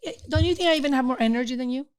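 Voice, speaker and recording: A woman's voice: high voice, rapid-fire, clean tone, dry recording, clean studio sound. A woman in her fifties co-hosting a podcast, chatting casually and laughing often. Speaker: podcast co-host. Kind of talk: casual chat.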